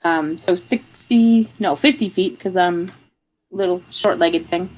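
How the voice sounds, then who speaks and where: A woman's voice: lowish voice, a little slow, darkish tone. A woman playing a tabletop game, chatty and hesitant with many fillers. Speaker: player. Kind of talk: casual tabletop play.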